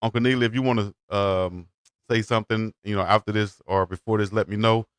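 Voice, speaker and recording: A man hosting a live sports stream in a relaxed, casual way, laughing easily and thanking viewers. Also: lowish voice, fairly quick, clean tone, dry recording, clean studio sound. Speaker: show host.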